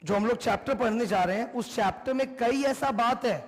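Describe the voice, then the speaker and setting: A man's voice: very high-pitched, moderate pace. An Indian man teaching a class, emphatic and repetitive, mixing Hindi and English as he lectures. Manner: mixes Hindi with English, emphatic, repeats points. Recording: long hall reverb.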